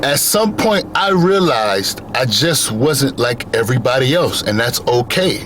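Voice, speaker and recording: A young man vlogger with a mid-range, slightly bright voice delivers an earnest motivational monologue, animated but a little slow. He hammers his points home with repeated emphatic phrases, and slight background noise can be heard.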